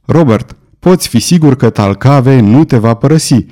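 A man's voice: mid-range voice, lively intonation, warm tone, lightly acted. A man voicing an anxious, stubborn nobleman. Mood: urgent. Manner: urgent, insistent exclamations. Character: noble lord, anxious and stubborn, self-sacrificing. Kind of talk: audiobook character voice.

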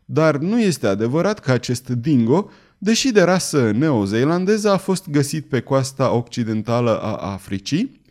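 A man's voice: mid-range voice, very animated, darkish tone, close to an everyday voice. A man reading an audiobook, voicing a fussy, pedantic male entomologist who takes offense easily. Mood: earnest.

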